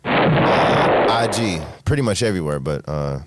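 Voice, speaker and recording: A man co-hosting a casual podcast chat, talking in a laid-back, drawn-out, slangy way. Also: sits low, animated, very noisy. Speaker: podcast co-host.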